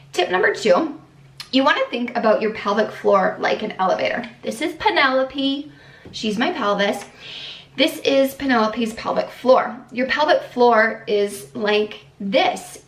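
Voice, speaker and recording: Upbeat woman fitness instructor, a little gravelly, recorded a step off the mic. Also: a little high, reverberant, distant mic. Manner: upbeat, guiding breaths step by step. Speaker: postnatal fitness coach. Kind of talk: instructional fitness tips to camera.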